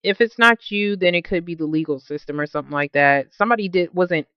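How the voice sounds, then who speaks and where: A woman's voice: lowish voice, quick pace, clean tone, dry recording. Casual, blunt woman reading tarot cards. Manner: casual and blunt, swears, many fillers and self-corrections. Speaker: tarot reader. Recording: dull lo-fi dry recording.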